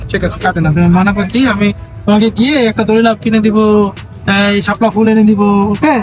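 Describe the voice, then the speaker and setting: A young man, a father filming a casual family vlog, talking in a gentle, coaxing, reassuring way on a train. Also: high voice, quick pace, faint music behind. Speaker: father and vlogger. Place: inside a moving train.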